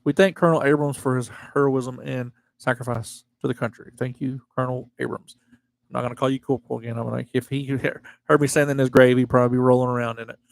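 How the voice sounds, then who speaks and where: Gravelly-voiced man reading names, slightly slurred. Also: mid-range voice, flat delivery, dry recording. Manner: halting, restarts often, reads dates and units slowly. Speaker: livestream host. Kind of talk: casual memorial reading on a livestream.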